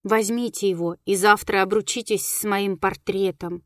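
A woman's voice: mid-range voice, fairly even intonation, moderate pace, no room sound, clean studio sound, natural voice. Woman voicing a mournful lady ghost. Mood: plaintive. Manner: plaintive, mocking, hushed.

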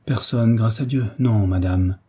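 A gallant young hero, voiced by a man, calm and courteous, reassuring a frightened lady. The voice is low, dark and mellow, with a husky breathiness, read for a storybook. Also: measured pace.

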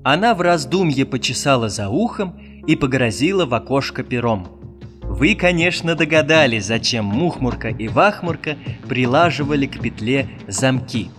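A man narrating a children's fairy tale, in a lively, expressive storybook style. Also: mid-range voice. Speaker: audiobook narrator.

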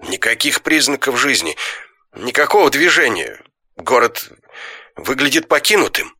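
Brief: male narrator doing a jittery, breathless astronaut for a storybook, higher and sharp. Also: very animated, normal speed, breathy edge, dry recording, clean studio sound, heavily acted. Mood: tense report. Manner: breathless, nervous. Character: shaken male astronaut reporting from Mars.

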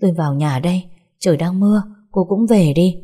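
A woman's voice: fairly low pitch, a little fast, warm tone, breathy edge. A woman voicing a hesitant middle-aged housekeeper who refuses to open the gate in a story. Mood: evasive. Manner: evasive and apologetic.

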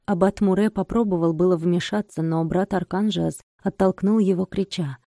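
A woman narrating an audiobook in a steady, even storytelling manner. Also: on the low side, normal speed, dry recording, studio quality. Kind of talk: scripted narration.

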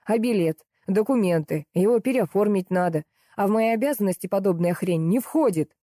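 A man's voice: sits high, animated, normal speed, dark tone, no room sound, studio quality. A woman voicing a stern young male customs officer who talks curtly and officiously in an audiobook. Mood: exasperated. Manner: curt, officious, then rude.

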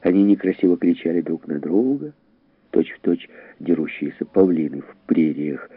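A man reading an audiobook story aloud in a dramatic, expressive way, heightening his voice for the characters. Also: sits low, breathy edge, no room sound, phone-quality sound. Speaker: audiobook narrator.

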